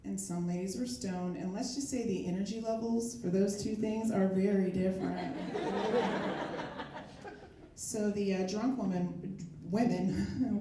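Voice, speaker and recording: A middle-aged woman performing a stand-up comedy set, telling stories in a wry way with filler pauses. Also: mid-range voice, mellow, slight background noise. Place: live comedy stage with audience. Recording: echoey live room from far off.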